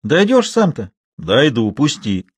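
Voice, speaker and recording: A man's voice: medium pitch, wildly swooping pitch, unhurried, breathy edge, no echo, pitched above the performer's own voice, full character voice. A man putting on a grumpy frail old peasant. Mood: tired. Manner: curt, commanding, grumbling.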